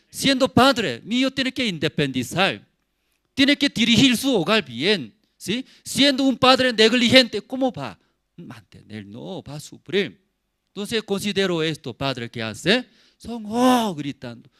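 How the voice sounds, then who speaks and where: A man's voice: high voice, sing-song, moderate pace, bright, forceful tone, no echo. A middle-aged man preaching a sermon as pastor, in simple non-native phrasing, repeating words for emphasis and asking the congregation questions. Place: church service.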